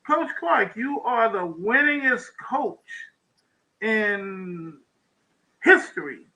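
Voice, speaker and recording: A man hosting a talk show, interviewing a guest in a halting way, often repeating words and laughing. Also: high voice, expressive, sharp tone, rough recording. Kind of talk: interviewing a guest over video call.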